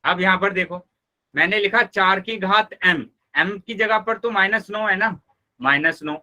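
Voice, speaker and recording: A male math teacher leading a live online class, patiently explaining steps and repeating them, addressing students warmly as children. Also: sits high, unhurried.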